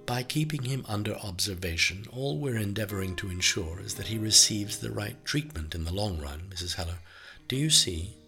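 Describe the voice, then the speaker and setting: A prim Swedish doctor, a middle-aged man who soothes with formal, carefully chosen words, as a male storyteller puts him on. The voice sits fairly low and bright, with a Swedish accent and a polished clinical courtesy in every sentence. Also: expressive, creaky, soft background music, heavily acted. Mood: smoothly reassuring. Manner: polite, formal, carefully measured phrasing.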